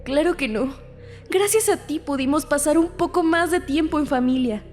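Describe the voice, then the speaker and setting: A woman's voice: sits high, moderate pace, long reverb tail, faint music behind, lightly acted. A woman playing a heartbroken young sister. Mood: tearful. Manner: pleading, tearful. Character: desperate young woman, the narrator's grieving sister. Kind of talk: horror audio drama.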